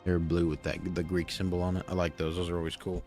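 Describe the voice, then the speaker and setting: Deep-voiced, laid-back young male streamer. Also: flat delivery, quick pace, darkish tone, soft background music. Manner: rambling, laid-back, lots of fillers. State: tired, yawning. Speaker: game streamer. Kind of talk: casual live-stream commentary.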